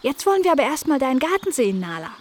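A chatty young female cat in a storybook, high and light, explaining herself proudly, as a woman voices her. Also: big pitch swings, racing, slight background noise. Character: young female spotted cat, Cleo's twin.

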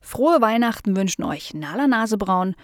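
A woman narrating a children's story gently and addressing the young listeners. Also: mid-range voice, animated, moderate pace, dry recording, clean studio sound.

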